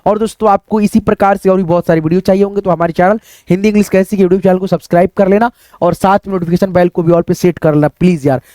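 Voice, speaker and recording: A man's voice: high-pitched, fairly even intonation, quick pace, warm tone, no echo, clean studio sound. A man teaching beginners how to read English words, spelling them out letter by letter, repeating each answer and quizzing his viewers. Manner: keeps asking the viewers what to read. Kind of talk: phonics lesson for beginners.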